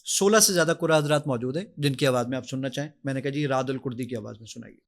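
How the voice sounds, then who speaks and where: A man's voice: medium pitch, gravelly. A man, a podcast guest demonstrating his app with energy and enthusiasm, acting out his own requests as he goes. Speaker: app founder giving a demonstration.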